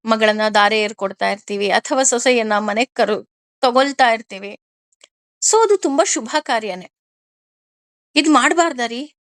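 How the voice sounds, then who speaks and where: A woman's voice: a little high, a little slow, pauses often, no room sound. A woman explaining Sanskrit scripture verse by verse, with everyday examples and frequent questions to her listeners. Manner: lively, asks listeners questions. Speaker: spiritual teacher. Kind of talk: discourse on scripture.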